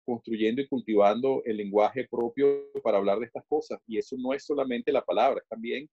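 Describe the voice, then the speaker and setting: A man's voice: mid-range voice, mellow, slightly rough. Pensive Venezuelan man, dull lo-fi audio. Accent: Venezuelan Caribbean Spanish. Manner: pensive, pausing to search for words. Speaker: interview guest. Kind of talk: reflective conversation.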